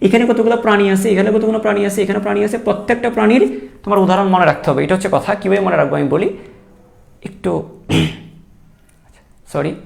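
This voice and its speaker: Fast, gravelly male tutor. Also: high voice, fairly even intonation. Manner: chatty, joking, repeats key points. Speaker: teacher. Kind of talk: online exam-prep lecture.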